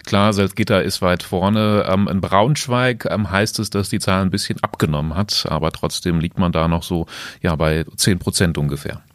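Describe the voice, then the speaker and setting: A man's voice: sits low, moderate pace, no room sound, studio quality. A man co-hosting a chatty news podcast, explaining things in a conversational way.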